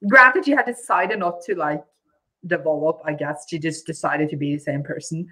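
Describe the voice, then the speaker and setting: A woman's voice: sits low, normal speed, sharp tone, low-quality recording. A woman co-hosting a book club, chatting casually and hesitantly, with frequent restarts and filler words.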